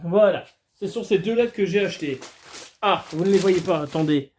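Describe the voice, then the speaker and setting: High-voiced man joking crudely in an echoey room. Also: normal speed, darkish tone, slight background noise. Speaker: vlogger. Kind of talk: casual unboxing chat. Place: alone in a room at home. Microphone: camera filming him.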